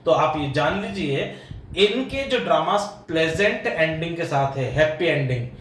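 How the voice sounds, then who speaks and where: A man's voice: a little high, lively intonation, moderate pace, a bit bright. A man with an Indian English accent, an English literature professor giving an exam-prep lecture, patiently explaining and repeating pronunciations. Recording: echoey room with faint ambient noise.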